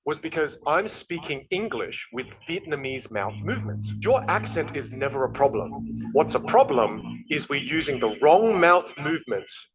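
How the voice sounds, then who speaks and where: Energetic man coaching on accents. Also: medium pitch, moderate pace, crowd noise, rough recording. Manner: energetic, emphatic explaining. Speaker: speaking coach. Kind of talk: motivational teaching talk.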